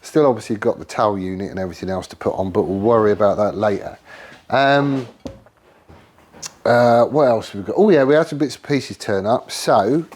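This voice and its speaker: In his home garage workshop, a man with a lowish, darkish voice hosts his channel and talks about building a motorbike frame at a moderate pace. A cold has left him stuffed up and losing his voice, and his informal, rambling chat to camera is full of ums and restarts that trail off.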